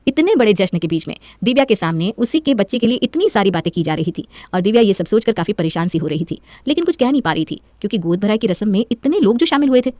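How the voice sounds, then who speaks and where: A woman narrating a moral story in a brisk, expressive way. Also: medium pitch, dry recording.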